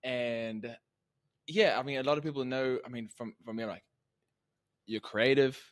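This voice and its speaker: A man's voice: medium pitch, fairly even intonation, moderate pace. A man hosting a casual podcast interview, upbeat and enthusiastic, with lots of fillers and laughter. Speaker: podcast host.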